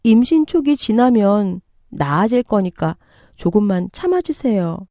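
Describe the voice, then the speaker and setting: A woman reading a story voices a pregnant young wife facing her mother-in-law. She speaks earnestly, her pitch moving a lot. The recording is dry and close. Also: sing-song, measured pace, warm tone, dry recording. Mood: pleading. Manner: pleading, then indignant.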